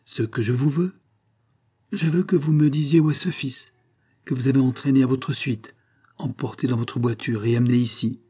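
A man voicing a stern male physician-mesmerist who gives firm, measured commands in a storybook reading. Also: medium pitch, fairly even intonation, dark tone, husky, close to an everyday voice.

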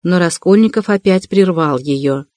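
A measured audiobook narrator reading a classic novel in an even voice. The sound is dry and close, with no room echo. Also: mid-range voice. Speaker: audiobook reader.

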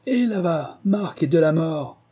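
A man reading the part of an arrogant, brutal man posing as a prince, loud and threatening. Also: fairly high pitch, lively intonation, moderate pace, husky, voice pushed up.

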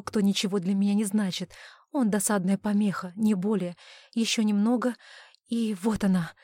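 A woman's voice: mid-range voice, darkish tone, dry recording, studio quality. A woman narrating a first-person fantasy audiobook in tense, clipped phrases.

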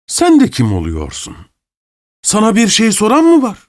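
A man voicing a drunk, brash masked man who bullies and mocks everyone, in a hoarse, booming voice. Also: lively intonation, measured pace, dry recording, clean studio sound. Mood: bullying. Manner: loud, taunting, jeering.

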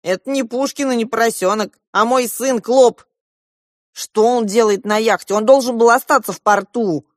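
A woman voicing a loud, excitable middle-aged rich man who owns a yacht, reading an audiobook. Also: mid-range voice, unhurried, no room sound, studio quality, lightly acted. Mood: excited. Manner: loud, exclamatory, bossy. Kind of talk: audiobook character voice.

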